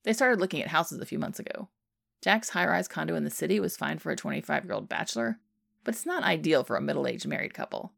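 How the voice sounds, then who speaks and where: A woman reading a fan fiction story aloud as narration in a steady, even way. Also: deep voice, fast talker, gravelly, no room sound, clean studio sound. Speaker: podfic reader.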